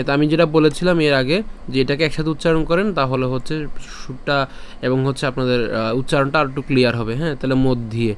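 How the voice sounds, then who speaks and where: A man with a Bengali accent guides listeners through a sacred verse syllable by syllable, chanting slowly and asking small checking questions. His voice is smooth and resonant, sitting a little high for a man. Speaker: scripture recitation teacher. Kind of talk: slow pronunciation lesson with chanted verses.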